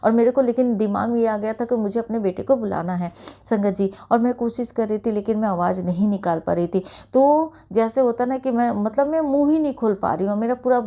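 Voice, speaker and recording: A woman's voice: fairly high pitch, fairly quick, dark tone. A middle-aged woman telling a personal experience in earnest, often calling her listeners by a respectful address. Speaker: satsang sharer. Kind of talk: personal testimony.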